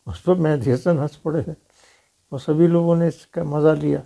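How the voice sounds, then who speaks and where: A man's voice: a little high, fairly even intonation, gravelly, dark tone. An older man from Pakistan, a detective novelist interviewed about the past, telling stories and acting out what other people said. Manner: recounts stories, acting out others' quoted words. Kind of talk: anecdotal storytelling.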